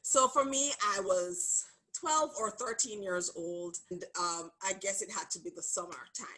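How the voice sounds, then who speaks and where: A woman hosting a group sharing session, telling a funny story in an expressive way and laughing as she goes. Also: medium pitch, a little slow, low-quality recording. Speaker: host. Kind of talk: animated storytelling.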